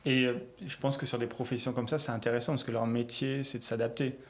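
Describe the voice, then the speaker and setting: Middle-aged French coach, animated and reflective, mid-range voice, podcast guest. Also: male voice, medium pitch, fast. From France. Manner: animated, reflective, builds lists of short phrases. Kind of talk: podcast interview conversation.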